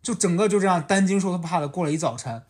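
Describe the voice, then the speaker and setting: A podcast host telling a school story in casual chat, animated and often laughing. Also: mid-range voice, fast talker.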